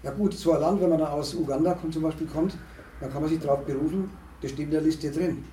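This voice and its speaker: A man holding forth in a discussion, halting and restarting often, with emphatic rises. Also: fairly high pitch, steady tone, warm tone. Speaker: speaker at a discussion on asylum. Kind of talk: lecturing discussion talk. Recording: echoey room, distant mic, faint noise.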